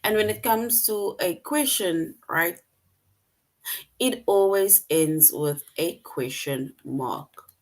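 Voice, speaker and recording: A woman's voice: on the low side, takes it slowly. A woman teaching an online English lesson to young children, patient and repetitive, often checking in with "right?".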